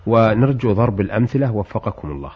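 Fast, low-voiced man presenting in formal Arabic. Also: expressive, slightly rough. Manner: formal, courteous address. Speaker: radio host reading listeners' questions. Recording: muffled, dull old radio recording.

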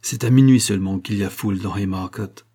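A jovial, theatrical male opera singer, read by a man, lively and commanding in his talk. The voice sits low and dark, with a husky edge. The delivery is expansive and bright with enthusiasm. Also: fairly quick.

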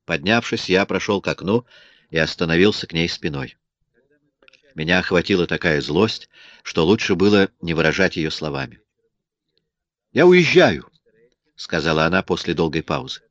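Low-voiced man reading a novel. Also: a little fast, a bit bright, no room sound. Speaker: audiobook narrator. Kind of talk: first-person literary narration. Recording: dull lo-fi audiobook recording.

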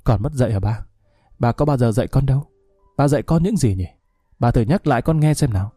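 A bitter, defiant young man in a storybook reading, talking with cool, mocking sarcasm, as the narrator puts him on. The tone is dark and mellow, recorded dry with faint music behind. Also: medium pitch, animated, brisk, husky, dry recording.

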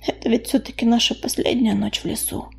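A woman voicing a shy, tender female forest cat in an audiobook, speaking timidly and in a hush. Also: a little high, level tone, fairly quick, gravelly, soft background music. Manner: timid, hushed.

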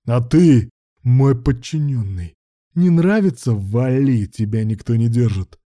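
A man's voice: fairly low pitch, fairly even intonation, normal speed, warm tone, dry recording, clean studio sound, close to an everyday voice. A man reading as a harsh vengeful clinic boss. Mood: harsh, dismissive. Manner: barking, curt.

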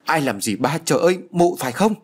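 A man's voice: on the high side, sing-song, quick pace, a little mellow, husky, voice pushed up. A man playing a worried young woman asking urgent questions in a storybook reading. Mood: alarmed. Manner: alarmed questioning. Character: anxious young woman, gentle daughter.

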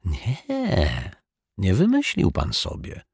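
A man voicing a mild-mannered male detective who speaks calmly and with gentle reproach, in a storybook reading. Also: low-pitched, unhurried, vocal fry, husky, no room sound, studio quality, exaggerated voice.

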